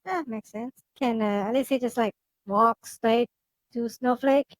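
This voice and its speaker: A woman's voice: a little high, a little slow, no echo. Eager woman player, dry close sound. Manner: eager, questioning. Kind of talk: casual game table chat.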